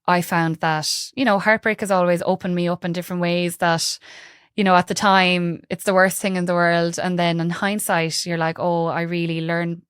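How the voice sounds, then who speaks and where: A woman's voice: on the low side, fairly even intonation, moderate pace, clean tone, no room sound, studio quality. A woman with a west of Ireland accent from Galway, talking informally and reflectively as an interview guest, often saying "like" and "you know". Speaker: podcast guest, holistic heart-healing practitioner. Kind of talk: casual conversational interview.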